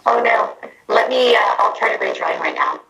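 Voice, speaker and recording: A woman's voice: very deep voice, huge pitch swings, moderate pace, a bit bright. A woman on a video call whose voice comes through muffled and echoey, like talking into a trash can, sounding flustered and apologetic. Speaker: utility company presenter.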